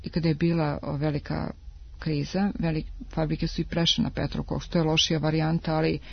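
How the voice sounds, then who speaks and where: Woman guest on a radio interview, gravelly voice, dry and muffled lo-fi sound, steady explaining with little "e" pauses. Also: low-pitched, no echo. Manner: measured, explanatory, pauses on drawn-out "e". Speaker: industry association adviser, radio guest. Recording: dull lo-fi radio broadcast.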